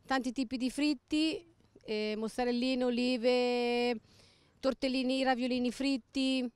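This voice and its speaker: Shopkeeper woman, crisp high voice, dry close sound. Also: no echo. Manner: brisk, lists items one after another. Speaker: piadina shop owner. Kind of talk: interviewed, listing menu items.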